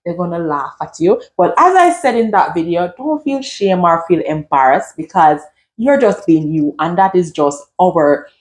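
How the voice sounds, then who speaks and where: A middle-aged Jamaican woman talking to her camera in a lively, chatty way, dropping patois phrases in among standard speech. Her voice sits a little low for a woman. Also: normal speed. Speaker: vlogger. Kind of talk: casual talk to camera.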